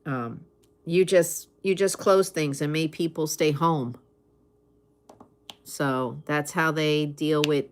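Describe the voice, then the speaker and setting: A woman chatting casually in an unhurried, conversational way, with pauses as she replies to listeners. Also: deep voice. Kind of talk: casual chat.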